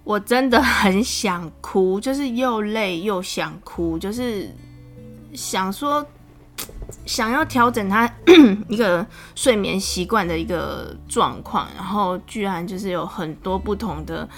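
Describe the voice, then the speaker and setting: A woman's voice: mid-range voice, slow, faint music behind. Chatty Taiwanese-accented mother telling a story. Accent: Taiwanese Mandarin. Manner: chatty, animated, laughs often, voice rises when exasperated. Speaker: podcast host, mother. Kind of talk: casual storytelling monologue.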